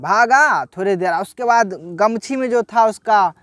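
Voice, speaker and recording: High-voiced man telling a slow story. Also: a bit bright, dry recording, clean studio sound. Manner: unhurried, halting retelling with restarts and acted quotes. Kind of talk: casual spoken religious story.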